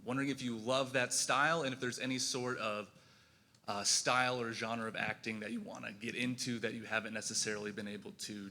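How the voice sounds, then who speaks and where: A man's voice: medium pitch, sharp tone. A man, an eager, slightly nervous fan asking a question from the audience. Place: festival theater audience.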